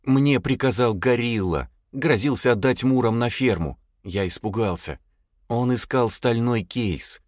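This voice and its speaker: A man's voice: mid-range voice, measured pace, no room sound, clean studio sound, pitched above the performer's own voice, natural voice. A man voicing a scared young male hotel worker who pleads and whimpers. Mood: whining.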